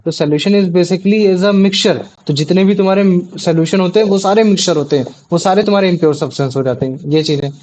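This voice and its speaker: A man's voice: high voice, fast talker, few pauses, a little mellow. A man teaching a science class, explaining step by step and often checking with his students. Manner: explains with many tag questions. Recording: dull lo-fi audio.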